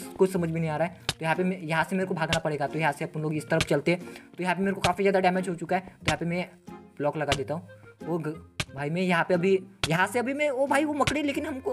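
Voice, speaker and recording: A man hosting a gaming channel talks through his gameplay at a rapid clip. He is excitable and keeps firing off slangy exclamations. Faint game music plays underneath. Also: high-pitched. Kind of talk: Let's Play gameplay commentary.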